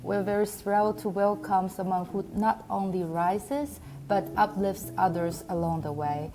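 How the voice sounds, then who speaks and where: A woman's voice: mid-range voice, steady tone, unhurried, dark tone, slight background noise. A young woman in her twenties, a PhD student hosting a podcast, introducing a guest eagerly and asking questions. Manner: enthusiastic, eager.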